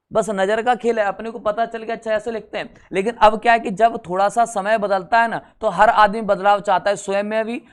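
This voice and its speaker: With a high, clean-toned voice, a male teacher from India works through a lesson at the board. His style is conversational: he addresses the class directly, makes sure they understand, and adds dry, teasing asides.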